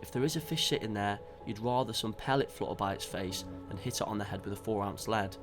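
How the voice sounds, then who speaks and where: A man calmly narrating a fishing trip in a measured, scripted voice-over. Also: lowish voice. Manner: calm, measured storytelling. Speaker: fishing vlogger. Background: background music.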